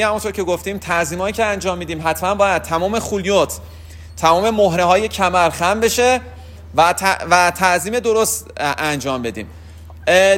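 High-pitched man; patient religious teacher who explains step by step and answers his own questions. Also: fairly bright tone. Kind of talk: spoken lesson on prayer rules.

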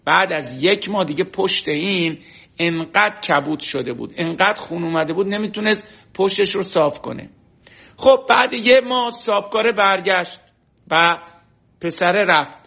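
High bright guy preaching, tells a parable, does the voices of the people in it. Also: creaky. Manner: lively storyteller, acts out quoted voices. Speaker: religious teacher. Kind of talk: storytelling sermon. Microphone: online class stream.

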